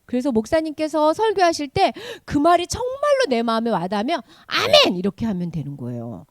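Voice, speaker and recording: Animated woman preaching to children. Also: sits high, a little fast, dry recording, clean studio sound. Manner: animated, asks children questions, acts out quotes. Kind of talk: children's sermon.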